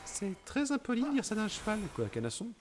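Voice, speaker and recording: A man's voice: sits high, wildly swooping pitch, a little fast, faint music behind. A man casually commenting on his gameplay, chatty and sweary, full of joking asides. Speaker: let's play gamer.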